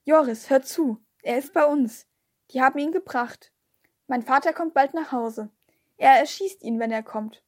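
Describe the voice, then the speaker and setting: A woman reading aloud plays a determined young girl in a storybook, urgent and hushed as she presses her point. The voice is high and light. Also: measured pace.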